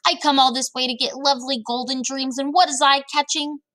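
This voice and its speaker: A woman voicing a big, kindly, excitable male giant in a storybook, with exclamations, muddled grammar and invented words. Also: mid-range voice, normal speed, close to an everyday voice. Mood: distressed, furious.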